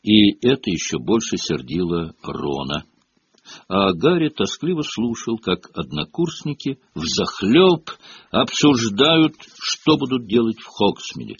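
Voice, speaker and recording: Male storyteller, very animated pitch, husky, slightly muffled recording. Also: a little slow. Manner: expressive storytelling. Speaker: audiobook narrator. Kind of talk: audiobook reading. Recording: dull lo-fi audio.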